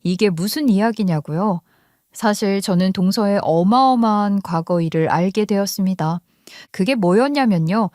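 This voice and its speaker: A woman tells a first-person story in a plain, conversational voice at a middle pitch. The recording is dry and close, with no room sound. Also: moderate pace, darkish tone, dry recording. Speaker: story narrator.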